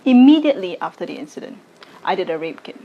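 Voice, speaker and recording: Measured woman in her twenties. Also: fairly low pitch, sing-song, lo-fi sound, a little hiss or hum. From Singapore. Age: late 20s. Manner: slow, deliberate, measured delivery. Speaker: arts educator and content creator. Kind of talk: recorded personal statement to camera.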